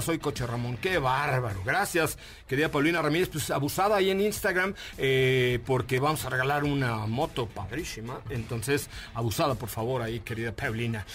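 A man with a Mexican Spanish accent hosts a radio car show, his voice on the high side and a bit bright. He chats casually and enthusiastically, cracking jokes and packing his talk with slang and plenty of fillers.

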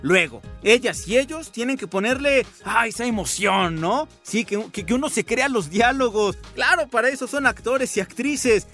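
High-voiced man hosting a podcast. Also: expressive, normal speed, few pauses, pushed and bright, soft background music. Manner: enthusiastic, admiring. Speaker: podcast host. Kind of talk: scripted podcast narration.

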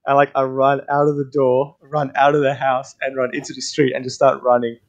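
A man's voice: medium pitch, monotone, brisk, highs cut off. Rambling young-sounding male co-host. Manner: rambling, many "like" fillers. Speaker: radio show co-host. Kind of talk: casual radio chat, storytelling.

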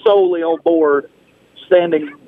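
High-voiced man calling in by phone. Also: fairly even intonation, a little slow. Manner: polite, stumbles and repeats words when critical. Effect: heard over the phone. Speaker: radio caller. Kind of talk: call-in talk radio comment. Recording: tinny phone line with faint noise.

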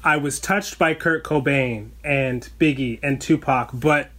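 A man's voice: medium pitch, measured pace, fairly bright tone. A man in his forties from Canada, a guest on a podcast, speaking in a thoughtful, reflective way. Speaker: guest rapper. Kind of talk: podcast interview.

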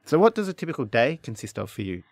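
A man's voice: medium pitch, very animated, fast, gravelly, no room sound, studio quality. Man with a broad Australian accent, interviewing. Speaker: interviewer and host. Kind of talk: conversational audio interview.

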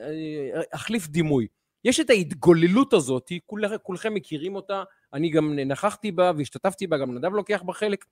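A man's voice: high voice, a bit bright, dry recording, clean studio sound. A man, a TV journalist, speaking in an impassioned, argumentative opinion monologue on a podcast, emphatic with frequent hesitations and restarts. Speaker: TV journalist and interviewer.

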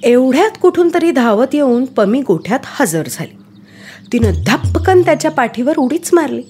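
A woman narrating a children's storybook with a calm, expressive delivery and a fairly high voice. Faint music plays softly beneath her reading. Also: moderate pace.

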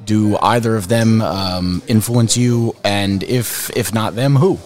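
A man's voice: fairly low pitch, takes it slowly, a loud crowd. A man interviewing designers in a laid-back, joking way. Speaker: correspondent interviewer. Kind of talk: casual interview.

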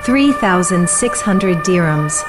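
A woman reading out money amounts slowly and evenly as the show's banker voice. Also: lowish voice. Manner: slow, even announcing of amounts. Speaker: recorded banker voice announcing amounts. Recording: loud music bed under the voice.

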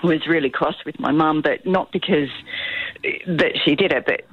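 A middle-aged Australian woman tells a long story to a radio host, chatty and full of little restarts. Her voice sits fairly low, and the sound is dry and a bit dull, as on lo-fi radio audio. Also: normal speed, slightly rough, no room sound. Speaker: radio caller. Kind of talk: casual storytelling on talk radio.

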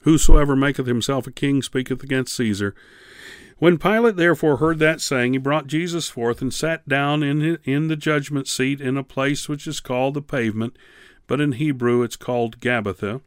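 A man teaching a radio Bible lesson, reading scripture in slow, measured phrases and then commenting with emphatic rises on key words. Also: medium pitch, smooth, no echo, clean studio sound.

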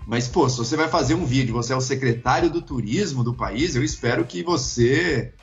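A man giving lively opinion commentary on a panel, laughing now and then and tripping over quick restarts. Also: medium pitch, lo-fi sound, soft background music. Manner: animated, laughs often, stammers on restarts.

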